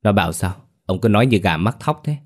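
An elderly countrywoman's voice shakes with worry as she presses her husband, as a low-voiced man acts her. She in a spoken ghost story. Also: lively intonation, a little fast. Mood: frightened. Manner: trembling, anxious. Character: trembling elderly countrywoman, a worried mother.

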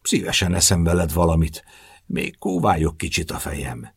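A man's voice: deep voice, sing-song, gravelly, slightly rough, no room sound, clean studio sound, exaggerated voice. A man reading a wistful young woman. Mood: tender, wistful. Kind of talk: audiobook reading.

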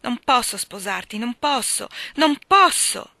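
A woman's voice: high voice, lively intonation, moderate pace, bright, forceful tone, no echo, pitched above the performer's own voice, exaggerated voice. A woman reading the part of a young woman who refuses a proposal in desperate, pleading tones. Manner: pleading, emotional.

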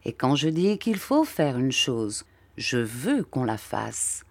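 A woman doing a slow menacing schoolmaster. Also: a bass voice, very animated, dry recording, voice pushed down, full character voice. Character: stern menacing male schoolmaster, harsh tyrant.

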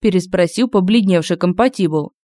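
A woman's voice: on the low side, moderate pace, mellow, no room sound, studio quality. Woman narrating a fantasy audiobook.

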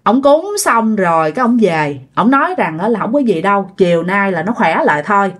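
A woman's voice: mid-range voice, very animated, brisk. A woman with a Southern Vietnamese accent telling a ghost story in a chatty, casual way, speaking straight to her listeners. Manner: chatty, addresses listeners directly.

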